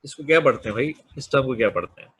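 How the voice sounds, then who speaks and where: A male teacher giving a classroom lecture, coaxing students and drilling pronunciation by slowly repeating words. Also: mid-range voice, a bit bright, breathy edge. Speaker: business English teacher.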